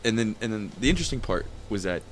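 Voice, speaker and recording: A man's voice: on the low side, fast, a little hiss or hum. A man hosting a podcast, telling a story in casual chat. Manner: animated storyteller, acting out quotes. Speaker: podcast host.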